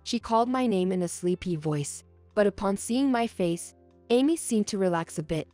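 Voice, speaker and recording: A woman's voice: mid-range voice, animated, moderate pace, dark tone, no echo, faint music behind. Woman narrating a heartfelt story. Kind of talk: scripted first-person story narration.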